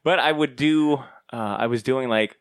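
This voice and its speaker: A man's voice: mid-range voice, moderate pace, a little hiss or hum. A man hosting a podcast, chatting casually and telling a meandering, informal story that he often interrupts himself. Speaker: podcast host. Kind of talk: casual chat, telling anecdotes.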